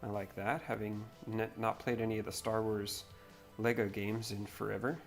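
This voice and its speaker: Stream host, male, from North Carolina, low voice, easygoing rambling chat, faint music underneath. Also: flat delivery, normal speed. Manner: laid-back and rambling. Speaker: livestream host. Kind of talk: casual chat while building.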